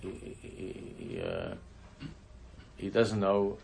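Low-voiced man teaching a Torah class. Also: huge pitch swings, vocal fry, a little mellow, slight background noise. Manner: halting, restarting narration. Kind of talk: religious class with storytelling.

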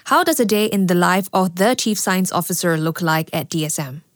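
A woman hosting a podcast, asking her guest polite, measured questions. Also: fairly low pitch, lively intonation. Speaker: podcast host, interviewer.

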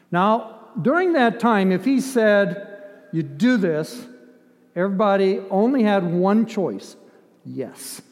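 This older preacher, raised in Ethiopia, has a high-sitting, slightly mellow voice. He delivers his sermon emphatically yet conversationally, with dramatized asides and rhetorical questions, in a space with long hall reverb.

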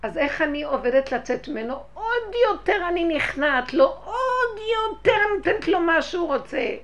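A woman giving a religious talk to a group, telling personal stories and speaking straight to her listeners, moving from quiet, hushed stretches to loud outbursts. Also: extremely high pitch, very animated. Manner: addresses listeners directly. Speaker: spiritual teacher.

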